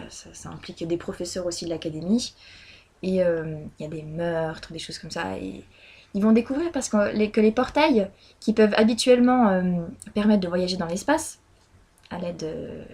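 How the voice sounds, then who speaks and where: A woman's voice: medium pitch, a little mellow, a little hiss or hum. A woman talking casually about the books she read this month, chatty and hesitant, with many fillers and restarts. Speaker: book blogger. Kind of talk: casual monthly reading review.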